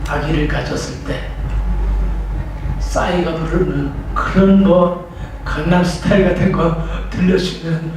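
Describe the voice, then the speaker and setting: In a noisy, reverberant library training room, an older man lectures as a professor, recorded from a distance. His slightly high voice stays steady and slow, and his conversational style includes restarts and rhetorical questions.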